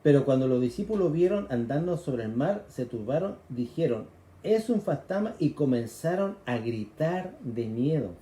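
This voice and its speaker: A man's voice: mid-range voice, expressive, normal speed, hardly any pauses, warm tone, echoey room. A man with a Chilean accent preaching a sermon, explaining scripture conversationally and acting out the cries of frightened people. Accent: Chilean Spanish.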